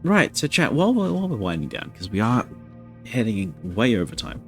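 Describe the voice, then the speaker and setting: A man's voice: mid-range voice, big pitch swings, a little fast, faint music behind. A man streaming a video game live, chatting casually and rambling to his viewers. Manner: rambling, chatty, self-deprecating.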